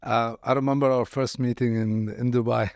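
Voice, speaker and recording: A man hosts a podcast interview in a middle-pitched voice, recorded close and dry with no room sound. He welcomes his guest and asks questions, sometimes restarting his sentences. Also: fairly even intonation, moderate pace, creaky, dry recording, dull audio. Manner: warm, welcoming, hesitant restarts. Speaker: podcast host.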